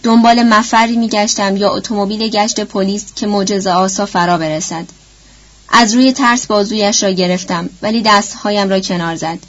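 A woman reading a novel aloud in the first person, measured and reflective. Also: medium pitch, steady tone, fairly bright tone. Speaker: audiobook narrator. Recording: dull lo-fi recording.

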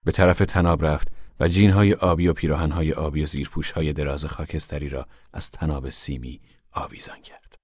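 Very deep-voiced male narrator. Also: fairly even intonation, a little mellow, dry recording, studio quality. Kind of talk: scripted literary narration.

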